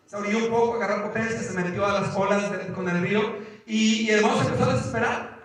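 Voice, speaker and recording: A man preaching a sermon as a missionary at a church service, telling a story with passion and rising into shouted exhortation. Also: high voice, fairly even intonation, quick pace. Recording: very echoey church hall, mic far off.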